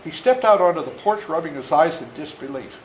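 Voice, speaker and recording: This older author tells his story to young listeners at a slightly quick clip, his pitch rising and falling vividly. Folksy and hands-on with the audience, he performs key moments. The sound is roomy, with a low hum of background noise, in an indoor school setting.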